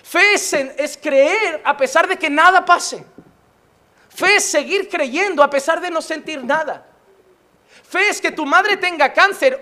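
A man delivers a sermon as a pastor. His voice sits very high and sounds bright and forceful. He drives his points with emphatic repetition and flashes of humor.

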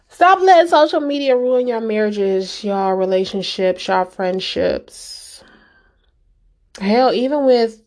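A woman's voice: on the high side, vocal fry, darkish tone. A woman vlogger giving a casual, emphatic rant straight to her viewers, exasperated and direct.

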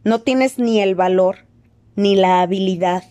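A woman's voice: medium pitch, measured pace, warm tone, close to an everyday voice. A woman voicing a scornful, stern male professor in an audiobook, speaking in a taunting, sneering way.

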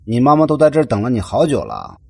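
A man's voice: medium pitch, huge pitch swings, fast talker, creaky, mellow, slightly rough, no echo, heavily acted. A man voicing a stern but earnest male university counselor who tries to mediate between mother and daughter. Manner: stern, then pleading.

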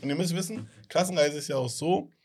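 Blunt, teasing young man with a husky voice. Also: on the high side, quick pace, darkish tone. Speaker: podcast co-host. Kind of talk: casual chat.

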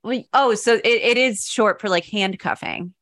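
A woman co-host of a podcast, reading an ad and chatting casually, playful and quick to laugh. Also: mid-range voice, a bit bright. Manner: laughs often, playful and teasing. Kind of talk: casual chat and read ad.

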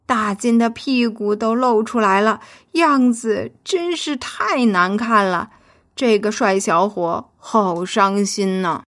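A woman narrating a children's story in a lively, expressive way. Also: mid-range voice, takes it slowly.

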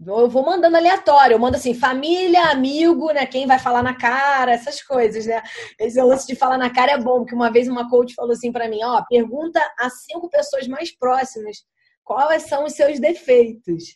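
A woman guest on a podcast, telling stories in an animated, chatty way and swearing now and then. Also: sits high, normal speed. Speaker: podcast guest, content creator. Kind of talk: casual chat.

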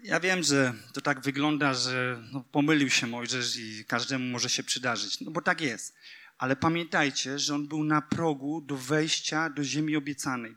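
A man's voice: a little high, pushed and bright. A man preaching a sermon, speaking directly to his congregation, reading scripture aloud and breaking into emphatic outbursts.

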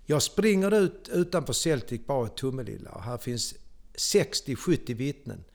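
An older man from Sweden with a Scanian accent, telling personal stories in a theatrical way and breaking into sudden loud exclamations. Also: medium pitch, lively intonation. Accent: Scanian Swedish. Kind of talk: animated personal storytelling.

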